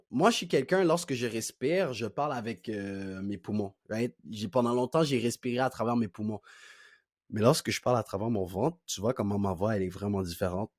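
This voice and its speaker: This is a young man with a Québécois French accent, talking straight to viewers as a speaking coach. He is animated and slangy and keeps acting out his own examples. His voice sits at an ordinary middle pitch and sounds dry and close, with no room around it. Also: dry recording. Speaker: self-improvement coach. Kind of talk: talking-head tutorial.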